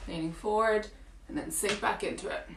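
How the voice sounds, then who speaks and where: A woman fitness coach leading a home workout, encouraging and cueing breaths, with a morning croaky voice. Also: mid-range voice, normal speed, noisy background. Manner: encouraging, counting through exercises. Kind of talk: guided home workout instruction. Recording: roomy, from a distance with faint ambience.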